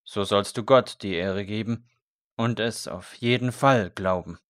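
A man's voice: fairly low pitch, measured pace, dry recording, studio quality, natural voice. A man voicing a fervent male priest who urges a condemned prisoner toward faith with earnest intensity.

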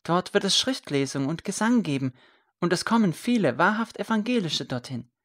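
A fervent young man, once a royal scribe, as a woman reader puts him on, speaking earnestly and with pressing conviction. The voice sits a little above the reader's own low register. A storybook figure, zealous and defiant. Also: big pitch swings, moderate pace. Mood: pleading.

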